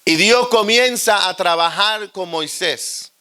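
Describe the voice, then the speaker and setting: A man with a Puerto Rican accent preaching a humorous storytelling sermon, animated and joking. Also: high voice, slow pace.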